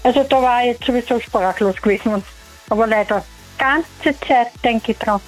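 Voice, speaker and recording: High woman on the phone. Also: moderate pace, faint music behind. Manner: excited, exclaiming, self-mocking. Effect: heard over the phone line. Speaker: caller on a radio prize call. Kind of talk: casual phone chat.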